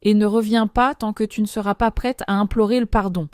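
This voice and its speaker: A man's voice: high-pitched, steady tone, fairly quick, clear, resonant tone, dry recording, clean studio sound, natural voice. A woman voicing an enraged, contemptuous husband giving harsh, dismissive orders in a storybook narration. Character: enraged, contemptuous husband throwing his wife out.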